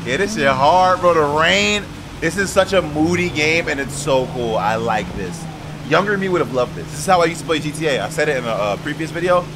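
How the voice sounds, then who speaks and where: With a slightly high voice, lively intonation and a fairly quick pace, this gaming video creator jokes, curses and throws around slang. He addresses the on-screen characters directly, against a noisy background.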